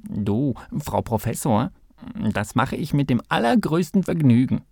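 A man voicing an eager, impatient little male mole in a children's storybook, with loud, excited exclamations. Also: medium pitch, a little slow, creaky, husky, dry recording, clean studio sound, heavily acted. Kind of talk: storybook read-aloud.

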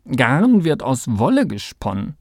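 A man's voice: medium pitch, huge pitch swings, darkish tone, no echo, studio quality. A man voicing a small, anxious male mole in a storybook reading, whiny and pleading. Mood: indignant. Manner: whiny, pleading, quick to sulk.

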